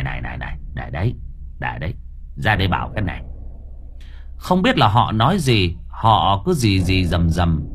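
A man narrating an audio story in a lively, dramatic way. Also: on the low side.

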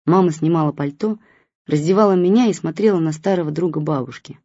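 A woman's voice: deep voice, brisk, warm tone, slightly rough, no room sound. A woman narrating a first-person audiobook in a plain, dry, weary manner. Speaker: audiobook reader. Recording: dull lo-fi recording.

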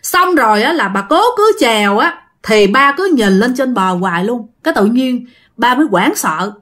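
A woman's voice: a little high, animated, moderate pace, a bit bright. Chatty woman telling a ghost story. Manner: chatty, addresses listeners directly. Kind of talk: casual ghost story narration.

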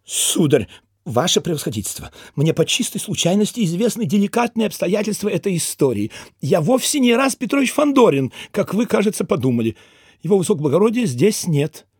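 A man's voice: sits high, sing-song, brisk, breathy edge, dry recording, studio quality, pitched above the performer's own voice, exaggerated voice. A man doing a timid stammering young clerk. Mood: nervous earnest. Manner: nervous, stammering, earnest. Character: timid, earnest young male clerk, jug-eared and pimply.

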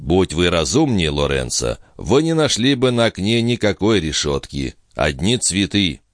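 Male narrator playing a composed nobleman, low voice, measured and patient, storybook reading. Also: very animated, dry recording, clean studio sound. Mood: calm. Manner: smooth, measured, gently reasoning. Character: calm, patient, condescending nobleman husband.

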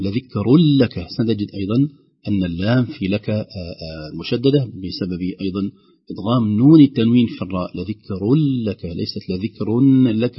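Husky fast-talking man teaching recitation. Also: fairly low pitch, highs cut off. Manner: explains carefully, slowly demonstrating words aloud. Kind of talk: radio explanation of recitation rules.

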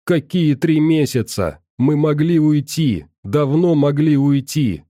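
A man's voice: fairly high pitch, lively intonation, takes it slowly, dry recording, clean studio sound, voice pushed up. A man voicing an enraged young woman who screams insults at someone. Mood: furious. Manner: yelling, insulting. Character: furious young woman, hot-tempered.

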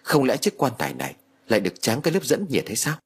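A man voicing an older village uncle who shouts orders and scolds the boys during a fire. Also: mid-range voice, sing-song, fast talker, slightly rough, voice pushed up, exaggerated voice. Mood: puzzled.

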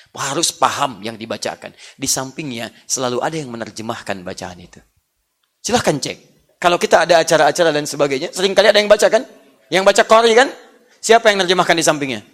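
A male preacher giving a sermon to a congregation. He jokes and laughs, repeats challenges to his listeners, and swings from hushed, slow passages to loud, high outbursts. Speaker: Islamic preacher.

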